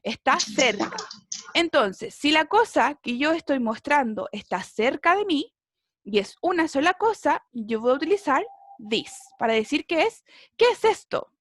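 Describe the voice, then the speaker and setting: A woman's voice: sits high, expressive, measured pace, a bit bright, dry recording, studio quality. A woman, teaching a basic English class online, explaining patiently and checking in often.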